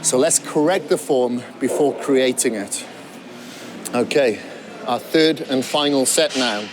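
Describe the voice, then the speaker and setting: A man talking a beginner through a gym workout at a middle pitch, coaching as he demonstrates each exercise. He is sometimes out of breath between sets. Faint noise runs under his voice. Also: a little slow. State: out of breath at times. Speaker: fitness trainer.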